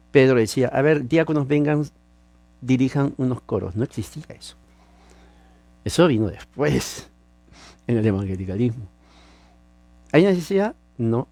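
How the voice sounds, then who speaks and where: Warm-voiced man preaching a sermon. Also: mid-range voice, no echo. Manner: emphatic teaching with rhetorical questions. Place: lives in California.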